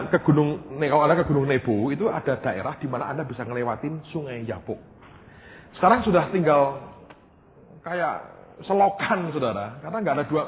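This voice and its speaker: A man preaching a sermon as a pastor, telling stories with acted-out dialogue in an animated way. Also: mid-range voice, slight background noise. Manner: animated storytelling, acts out family dialogue. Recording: tinny phone-like sound in a long-echo hall.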